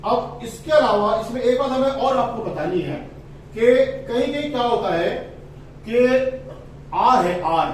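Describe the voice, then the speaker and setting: A man with a very high voice teaches a phonics lesson, drawing out each letter and vowel slowly. He sounds set back from the microphone in a strongly echoing room, with faint ambient noise behind him. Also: animated, recorded from a distance. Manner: slow, drawn-out spelling of letters and words, stressing vowel sounds.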